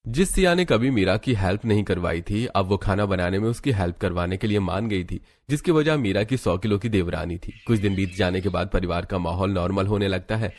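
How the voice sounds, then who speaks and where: A man narrating a cartoon story in a steady, plain storytelling manner. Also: deep voice, fairly quick, hardly any pauses.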